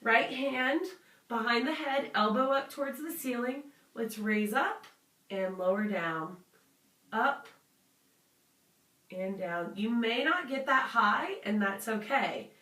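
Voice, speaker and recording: A woman's voice: a little high, lively intonation, slow, pushed and bright. A woman leading a guided workout as a fitness instructor, encouraging and reassuring in an informal way. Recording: roomy, distant microphone.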